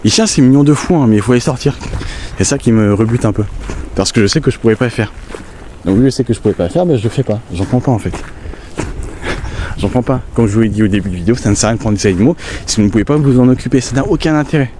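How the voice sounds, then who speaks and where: A man with a cold-stuffed nose rambles chattily as he walks through the countryside, filming himself on a handheld phone for a casual vlog. His medium-pitched voice moves at a quick pace, relaxed and full of asides, with slight background noise outdoors.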